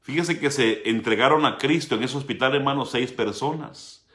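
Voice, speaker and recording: Preaching pastor in a roomy hall. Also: male voice, medium pitch, normal speed. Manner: preaching with frequent direct address to the congregation; dramatic shifts between loud emphasis and hushed asides. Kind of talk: sermon. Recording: roomy church hall sound.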